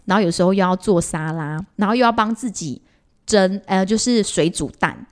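A woman's voice: mid-range voice, normal speed. A mother, co-hosting a casual chat and recounting family moments with lots of restarts. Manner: animated, lots of fillers and restarts. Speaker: podcast co-host and mother.

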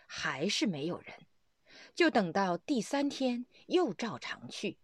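Brief: a female Buddhist teacher telling a story, slow and animated, dry close recording. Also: mid-range voice, no room sound. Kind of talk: storytelling sermon.

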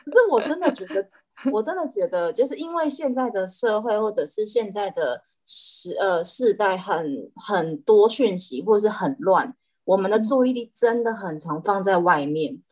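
Animated woman storyteller. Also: medium pitch, normal speed. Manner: animated storyteller, frequent restarts. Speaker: animal communicator guest. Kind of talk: casual podcast chat.

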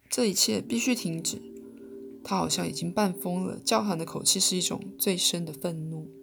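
Woman audiobook narrator, steady and measured, gravelly low voice, faint noise. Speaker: podcast reader.

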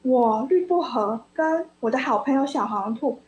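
A woman's voice: high-pitched, lively intonation, moderate pace, a little mellow, roomy sound, lo-fi sound, slight background noise. A woman voicing a frightened little frog in a children's story, reading with panicky urgency. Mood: scheming.

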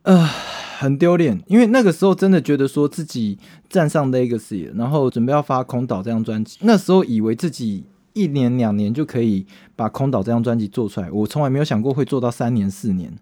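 A man's voice: medium pitch, fairly quick. A man with a Taiwanese Mandarin accent, a band singer co-hosting a podcast, telling a story in casual chat and acting out the dialogue. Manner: animated storyteller, acts out dialogue, swears casually.

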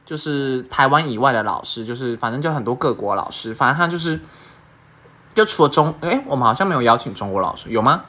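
Speaking quickly in a very deep voice, this young podcast host with a Taiwanese Mandarin accent tells stories in a relaxed chat. She's animated, laughs a lot, and swears in a playful way.

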